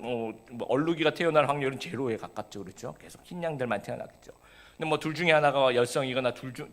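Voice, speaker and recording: A man's voice: fairly high pitch, a bit bright. A middle-aged man, a pastor, preaching a sermon in a conversational way, full of fillers and acted quotes. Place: church service.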